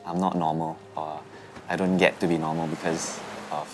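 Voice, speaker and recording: A young man and band musician reflecting in a relaxed, casual documentary interview. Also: a bass voice, normal speed, slight background noise. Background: music bed.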